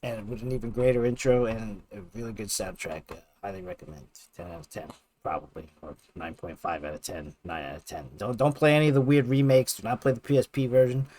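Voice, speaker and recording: Brisk and lowish-voiced, a man gives casual, excited commentary on a video game countdown. He gushes in slangy, emphatic bursts and swears heavily.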